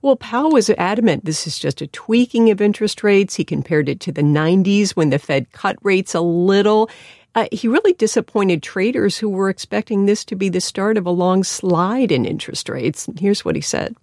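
A woman's voice: medium pitch, expressive, normal speed, darkish tone, dry recording, clean studio sound. A woman explaining news as a radio reporter.

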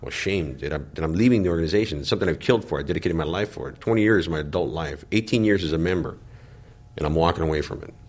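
A middle-aged man, a former gang member, giving slow, heavy, confessional testimony in an interview. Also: low voice, husky. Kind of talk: reflective personal testimony.

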